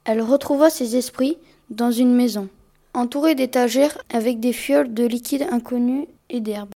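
A woman's voice: a little high, moderate pace, mellow. A woman reading story narration in a plain, descriptive way.

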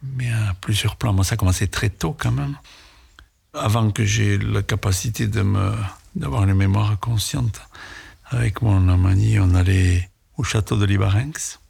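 A man recalling childhood memories in a reflective, hesitant way, with halting phrases, for a sound documentary. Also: lowish voice, creaky, darkish tone, breathy edge. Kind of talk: personal reminiscence.

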